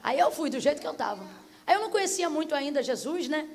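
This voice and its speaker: High-voiced woman preaching with playful energy. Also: fast talker. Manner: lively, playful, voices imagined listeners. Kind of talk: sermon.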